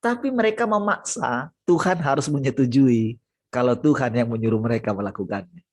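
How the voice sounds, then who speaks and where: Husky-voiced man preaching animatedly. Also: fairly quick. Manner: animated, rising high and loud on emphasis, then dropping low and soft. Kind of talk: sermon over a video call. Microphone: video call.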